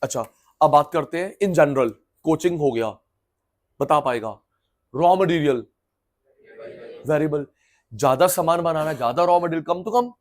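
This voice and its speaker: A middle-aged man giving a lively, chatty classroom economics lecture, acting out students through everyday examples. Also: a little high, normal speed, long pauses. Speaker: economics teacher.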